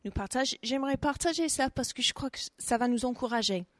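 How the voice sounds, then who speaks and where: A woman sharing during a church service, speaking quietly and softly. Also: high-pitched, a little fast, no echo. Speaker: church member.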